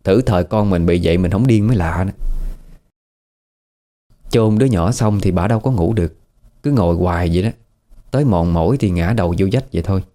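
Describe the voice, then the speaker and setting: Low, mellow-voiced Southern Vietnamese man. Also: brisk, pauses often. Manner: chatty, conversational, asks the listener questions. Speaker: storyteller. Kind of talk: casual spoken horror storytelling.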